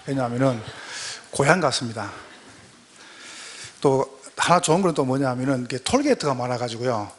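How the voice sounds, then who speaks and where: Joking Gyeongsang-accented pastor. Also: male voice, medium pitch, expressive, normal speed, long pauses. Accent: Gyeongsang dialect. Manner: folksy joking storyteller. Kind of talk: humorous training lecture to pastors.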